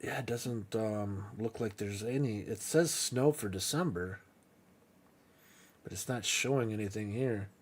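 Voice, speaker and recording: A man's voice: fairly low pitch, unhurried, husky. A man hosting a casual live game stream, muttering to himself as he plays and laughing easily with a friend. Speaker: livestream host. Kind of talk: casual gameplay chat.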